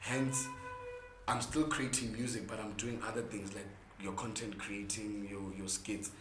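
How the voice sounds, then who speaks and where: Young male, South African accent. Hoarse, lowish voice, emphatic casual talk, roomy sound with faint noise. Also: fairly even intonation, measured pace. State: hoarse from gigs the day before. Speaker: interview guest, content creator and musician. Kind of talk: casual interview chat. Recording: echoey room with faint background noise.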